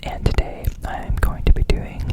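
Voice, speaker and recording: A man speaks entirely in a whisper, in the style of an ASMR ramble. He is close to the microphone and often repeats a word or phrase, lingering on it before moving on. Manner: whispers throughout, slowly repeating words and phrases. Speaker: ASMR video creator and host. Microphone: close microphone, brushed as he talks.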